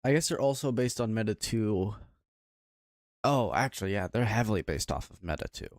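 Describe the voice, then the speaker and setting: A man's voice: lowish voice, expressive, moderate pace, no echo, clean studio sound. A man livestreaming while coding, thinking aloud in a mumbling, trailing-off way. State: talking with his mouth full.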